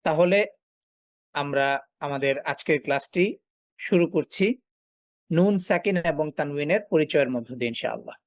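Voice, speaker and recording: A man teaching a recitation class, explaining step by step and asking and answering his own questions, often pausing with filler sounds. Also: fairly high pitch, dry recording, clean studio sound. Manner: frequent filler sounds while thinking. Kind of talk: online class lecture.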